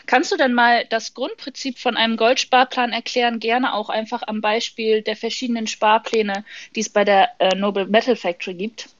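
A woman's voice: a little high, fairly even intonation, normal speed, hardly any pauses, dry recording, muffled recording. A woman interviewing a guest, giving short affirmations and asking questions. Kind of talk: conversational interview.

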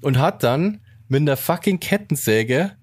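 A man's voice: fairly high pitch, expressive, moderate pace, slightly rough, no echo. A man co-hosting a casual podcast chat, telling stories in a loose, slangy way and dropping in English words. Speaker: podcast co-host.

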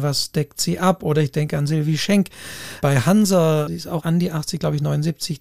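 A man's voice: on the high side, vocal fry, darkish tone, no echo, clean studio sound. A man co-hosting a podcast, talking things through in a thoughtful, hedging way and often repeating his phrases. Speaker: podcast co-host. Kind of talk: casual discussion.

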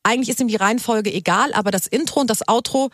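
A radio host keeps an interview moving with fast, chatty questions and quick reactions. The voice sits in the middle of the pitch range. The studio sound is dry and close. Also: fairly bright tone, dry recording.

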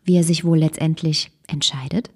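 A woman host introducing stories in a calm, friendly, scripted moderation. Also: deep voice, normal speed, breathy edge.

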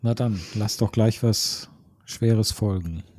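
Dry, mellow-voiced man co-host. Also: fairly low pitch, takes it slowly, no echo. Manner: dry, wry remarks. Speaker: podcast co-host. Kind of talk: casual chat, reading out reviews.

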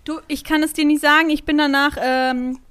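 A woman's voice: high voice, moderate pace, background noise. Chatty woman telling a story. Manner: chatty storyteller, lively, many fillers. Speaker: podcast co-host telling a story. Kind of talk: casual chat.

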